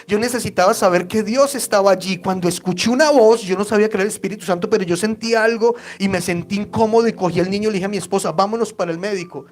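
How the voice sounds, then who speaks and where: A man with a Colombian Spanish accent preaching a sermon as pastor, passionate and then dropping to hushed tones. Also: high voice, fast talker, hardly any pauses.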